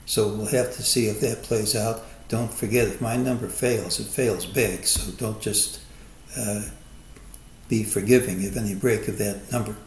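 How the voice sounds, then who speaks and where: A man talking through a stock market chart forecast in a measured, cautious way, often hedging his calls. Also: lowish voice, steady tone, roomy sound, a little hiss or hum. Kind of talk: chart analysis monologue.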